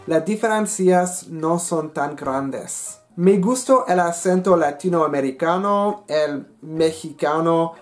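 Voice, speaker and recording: A woman vlogging as a language learner, with an Italian-influenced accent, speaking in a careful, deliberate way with pauses between phrases. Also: deep voice, darkish tone. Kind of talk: casual spoken vlog. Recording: faint guitar music behind.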